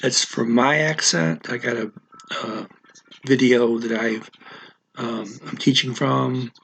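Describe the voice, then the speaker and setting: In this low-quality recording with a slight hiss or hum, a male language teacher gives a casual weekly update on his channel. He speaks haltingly, clears his throat, and leans on lots of fillers, his mid-range voice fairly bright and fairly even in intonation.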